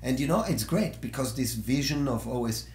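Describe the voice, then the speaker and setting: A man's voice: medium pitch, animated, normal speed, darkish tone. A podcast host from Austria whose first language is German, talking eagerly in a casual chat and often searching for words and restarting his phrases. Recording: echoey room with faint hum.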